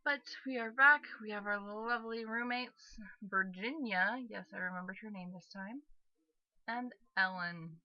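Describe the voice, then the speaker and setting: A woman's voice: medium pitch, measured pace, dry recording, highs cut off. A young adult woman hosting a let's play, chatting casually and reading game text aloud. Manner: chatty, self-commenting on her character voices. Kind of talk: casual game commentary and read-aloud narration.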